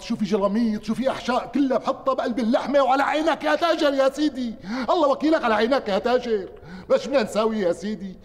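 A man's voice: on the high side, a little mellow, close to an everyday voice. An actor with a Syrian accent playing a sly, chatty butcher who wheedles and laughs his way through excuses. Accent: Syrian Arabic. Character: sly chatty male butcher pleading innocence. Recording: reverberant studio set.

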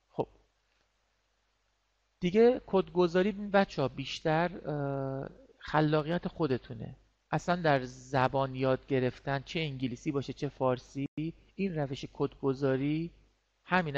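A man teaching a class, explaining words patiently and repeating them, with many fillers. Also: mid-range voice. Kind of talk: online class lesson. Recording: dull lo-fi sound.

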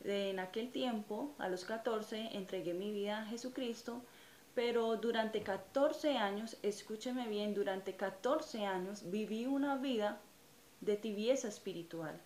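A woman's voice: medium pitch, unhurried, darkish tone. Earnest Colombian woman in an echoey room. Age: 30s. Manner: earnest, reflective, hesitant with frequent "eh" fillers. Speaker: channel host giving personal testimony. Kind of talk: personal religious testimony to camera. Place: small indoor room in front of a curtain. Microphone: camera or phone at close range. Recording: echoey room with faint ambient noise.

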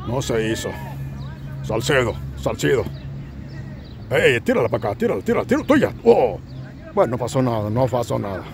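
A man with a Mexican accent calling an amateur soccer game outdoors at a local field, with a cold, shouting encouragement at the players and joking with himself. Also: medium pitch, big pitch swings, fast talker, vocal fry, background noise. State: has a cold. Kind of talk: excited play-by-play commentary.

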